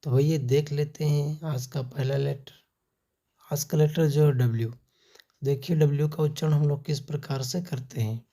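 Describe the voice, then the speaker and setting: A woman's voice: deep voice, steady tone, moderate pace, warm tone. A woman teaching English pronunciation, spelling letters one by one and then saying each word. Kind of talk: slow spelled-out phonics lesson.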